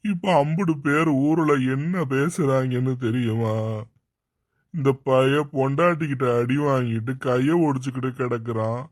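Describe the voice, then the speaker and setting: A man's voice: medium pitch, measured pace, dry recording, studio quality, lightly acted. A man voicing a sulky, self-pitying henpecked husband in a cartoon. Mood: whining. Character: sulky henpecked husband with broken arm, middle-aged. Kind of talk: cartoon voice acting.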